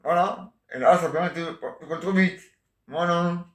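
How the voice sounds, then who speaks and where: A man's voice: on the high side, moderate pace, a bit bright. A man talking in a meandering, joking monologue, full of little asides and fillers. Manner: meandering, jokey, filler-heavy. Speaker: vlogger. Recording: echoey room.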